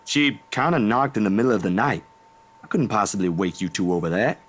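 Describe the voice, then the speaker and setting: A man voicing a drowsy young man woken too early, talking in a plain, rough everyday way. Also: lowish voice, animated, a little fast. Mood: earnest. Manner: drowsy, grumbling, then earnest. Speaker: character dialogue in a visual novel voice dub.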